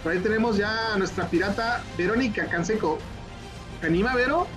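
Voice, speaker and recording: Upbeat guy running an online kids party, high voice, music under him. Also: brisk. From Mexico. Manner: animated, coaxing, repeats himself. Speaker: teacher trainer hosting a children's event. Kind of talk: lively online workshop hosting.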